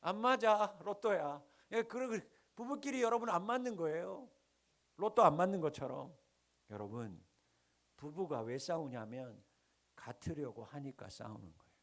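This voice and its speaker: A middle-aged male pastor from the Gyeongsang region, preaching with rhetorical questions and sharp swings between loud and hushed lines. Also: fairly high pitch, expressive, normal speed, creaky. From Gyeongsang region, Korea. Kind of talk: sermon.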